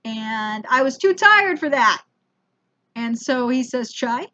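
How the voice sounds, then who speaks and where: An American woman telling a comedic travel story in an animated, self-mocking way, with casual swearing. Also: on the high side, takes it slowly, muffled recording. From United States.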